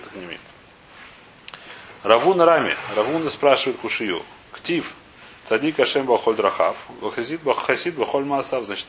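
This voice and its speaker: A man leading an informal religious text class, reading aloud and then explaining, often halting to search for words and asking himself questions. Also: mid-range voice, fairly bright tone. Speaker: teacher of a Talmud class. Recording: clear background hiss and noise.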